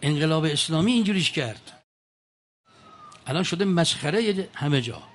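A man's voice: on the high side, lively intonation. An older man speaking to an audience in a colloquial storytelling manner, with mocking asides.

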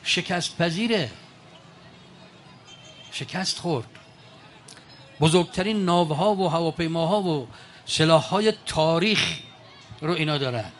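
Older male speaker, folksy storyteller, pitched high for a man, faint noise behind. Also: animated, long pauses, fairly bright tone. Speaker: speaker addressing an audience. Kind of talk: colloquial storytelling speech.

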